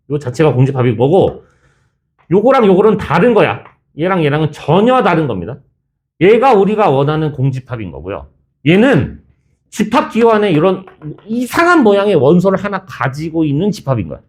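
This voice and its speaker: Lively, chatty male math teacher. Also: on the high side. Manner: chatty, teasing, switches between formal and casual speech. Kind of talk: classroom lecture. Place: classroom.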